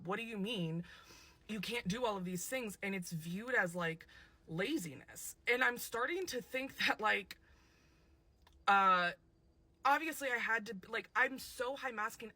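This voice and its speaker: A woman speaking candidly to camera about her own life, halting, with fillers and trailing phrases. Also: on the high side, sharp tone. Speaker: clip speaker being reacted to. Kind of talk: personal talk to camera.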